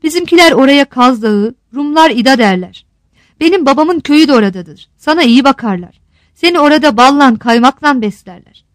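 A woman's voice: sits high, animated, brisk, dry recording. A woman voicing a fiery little old mother. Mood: reproachful. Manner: scolding, insistent.

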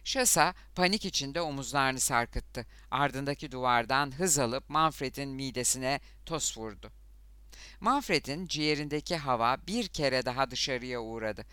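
A man narrates an audiobook with a bright, smooth, resonant voice and steady dramatic delivery. He reads close to the mic in a dry studio, pushing his voice up when characters shout. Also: mid-range voice, normal speed, no room sound. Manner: steady dramatic reading, lifts voice for shouted quotes. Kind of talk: scripted narration.

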